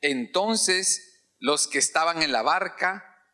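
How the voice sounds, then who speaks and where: A man's voice: a little high, expressive, slow, sharp tone. A male pastor preaching a sermon in a church, calling out hallelujah and having the congregation repeat phrases after him.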